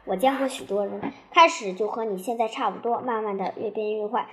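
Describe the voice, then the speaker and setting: A woman's voice: medium pitch, a bit bright, close to an everyday voice. A woman doing a tearful old grandmother. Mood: pleading. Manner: pleading, slow and tearful. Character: elderly grieving grandmother, anxious and stern. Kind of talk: storybook reading. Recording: dull lo-fi recording.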